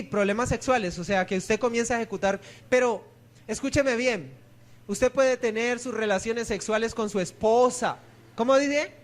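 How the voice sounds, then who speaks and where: A man, a pastor preaching a sermon in church, who keeps asking the congregation questions and answering them himself. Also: high voice.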